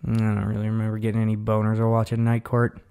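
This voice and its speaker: A man hosting a podcast in casual chat, tossing in quick, crude wisecracks and short interjections. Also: lowish voice, monotone, vocal fry, dark tone, smooth. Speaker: podcast host.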